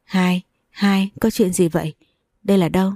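A frightened young sister calls out in panic, voiced by a woman reading the story. The voice is low and mellow, recorded dry. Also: steady tone, normal speed, no echo, natural voice. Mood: panicked.

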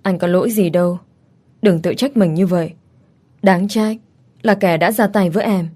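Casual: woman doing a pouty clingy young wife, low warm voice, whiny sweet tone, soft music under it. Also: normal speed, natural voice. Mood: coaxing.

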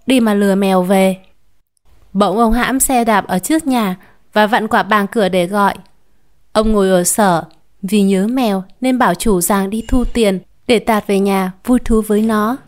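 A woman storyteller reading a short story aloud in a calm, even narration. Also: medium pitch, normal speed.

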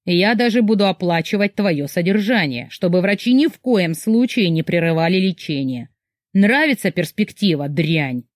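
A woman's voice: lowish voice, animated, normal speed, no room sound, clean studio sound, natural voice. A woman voicing a domineering ex-husband who snarls threats and screams in fury. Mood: menacing. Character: brutal domineering ex-husband, man, raging.

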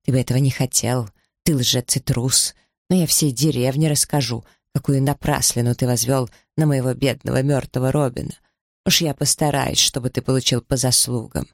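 A man playing a harsh, pious older mother who speaks with slow, cutting scorn, in an audiobook. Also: mid-range voice, fairly even intonation, gravelly, dry recording, clean studio sound. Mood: furious.

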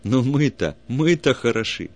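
A man voicing an excited male alien project curator who lectures his colleagues emphatically. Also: mid-range voice, unhurried, pitched above the performer's own voice, lightly acted. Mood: emphatic.

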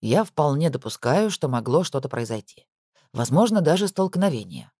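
An audiobook narrator voicing a laid-back, skeptical male police captain who talks things through slowly and dryly. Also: medium pitch, very animated, a little mellow, slightly rough, no room sound. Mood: skeptical, weary. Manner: dry, laid-back, slow and reasoning. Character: weary skeptical police captain, man, unhurried.

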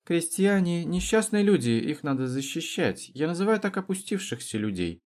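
A prim young student who looks down on everyone, talking in a lofty, bookish manner with a slightly raised, lively voice, as a male narrator puts him on. The tone stays stiff and pompous throughout. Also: a little high, moderate pace, pitched above the performer's own voice. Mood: haughty.

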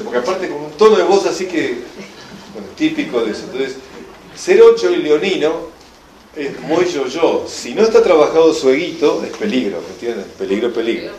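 A man with an Argentine accent giving an informal workshop lecture, emphatic and animated, often checking that the class follows. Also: medium pitch. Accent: Argentine Spanish. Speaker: enneagram teacher. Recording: echoey room, live class recording.

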